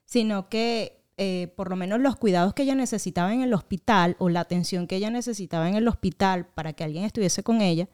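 A young woman with a Venezuelan accent, chatting on a podcast and spinning lively family anecdotes. Her voice is mellow and dark, with a smooth, clear tone. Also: medium pitch, fast talker, hardly any pauses. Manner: animated storytelling, acting out family quotes. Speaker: podcast co-host. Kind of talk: casual chat.

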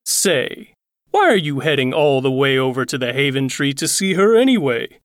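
A woman voicing a sly, menacing male fox in a storybook reading, talking slowly with a slick, sneering manner. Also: very deep voice, very animated, dry recording, clean studio sound, pitched below the performer's own voice.

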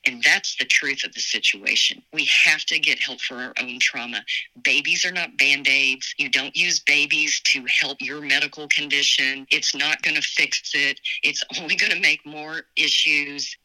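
Frank, bright-voiced woman from Tennessee. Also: deep voice, normal speed, low-quality recording. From Tennessee, USA. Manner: frank, wry, sarcastic humor. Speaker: podcast guest. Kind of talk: candid conversation.

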